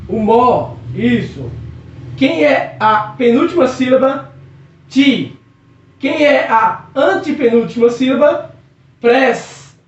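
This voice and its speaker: A man teaching a recorded video lesson, patiently drawing out syllables and checking in with "okay?" again and again. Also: very high-pitched. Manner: patient, drawn-out stressing of syllables, constant check-ins. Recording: echoey room, distant muffled mic.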